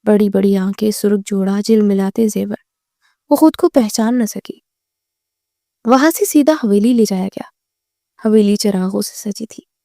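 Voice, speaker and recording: A woman narrating a romantic novel as an audiobook, with steady, measured storytelling on a close mic. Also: medium pitch, no room sound.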